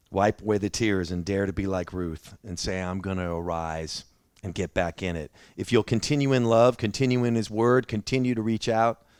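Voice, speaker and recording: A man's voice: on the low side, clear, resonant tone, no room sound, studio quality. A man preaching a sermon in a church, telling his own story in a conversational, self-deprecating way. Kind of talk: sermon with personal testimony.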